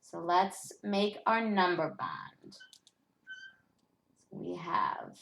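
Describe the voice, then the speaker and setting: A woman teacher giving a step-by-step math lesson to young children, speaking in simple, deliberate phrases and putting questions to the learners. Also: on the low side, wildly swooping pitch, vocal fry, a bit bright.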